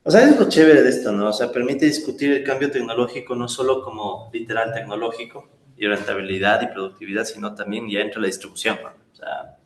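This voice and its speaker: A man's voice: mid-range voice, steady tone, a little fast, reverberant. A man lecturing a class, chatty and full of tag questions. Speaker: economics lecturer.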